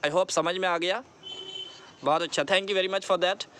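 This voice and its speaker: Slow, drilling male teacher. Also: high voice, steady tone, a bit bright, a little hiss or hum. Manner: slow, deliberate, repeats words for drilling; mixes English phrases into Hindi explanation. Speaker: English teacher. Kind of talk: classroom-style lesson.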